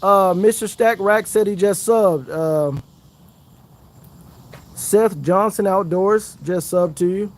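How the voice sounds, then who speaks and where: A man's voice: sits high, slow pace, long pauses. A man chatting casually on a fishing livestream outdoors, hyping up his viewers. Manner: chatty, hypes up viewers, Southern slang. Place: outdoors by the water.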